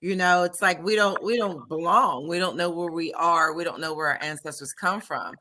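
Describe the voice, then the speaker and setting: Lively storytelling woman host. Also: on the low side, moderate pace, slight background noise, low-quality recording. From United States. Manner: animated, chatty, addresses viewers as y'all. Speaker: host and trauma therapist. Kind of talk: storytelling interview intro. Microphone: video call.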